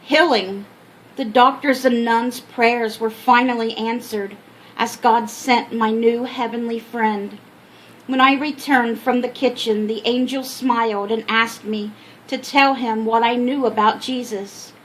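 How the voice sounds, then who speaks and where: An older woman with an American accent reading her own memoir aloud as an expressive storyteller. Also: a little high, measured pace, slight background noise, rough recording. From Minnesota, United States. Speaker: author telling her life story. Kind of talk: scripted memoir narration.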